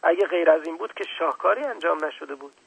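A proud old scientist who lectures in a condescending tone, as a male narrator plays him. His voice is gravelly and husky, and it sits a little high. He brushes off a child's objections with impatience. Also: no echo, dull audio, full character voice. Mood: lecturing.

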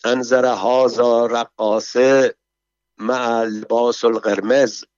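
A man's voice: mid-range voice, flat delivery, a little mellow, no room sound, highs cut off, lightly acted. A man doing a drunk, bragging courtier. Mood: tipsy boasting. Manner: slurred, broken Arabic, slow and drawling.

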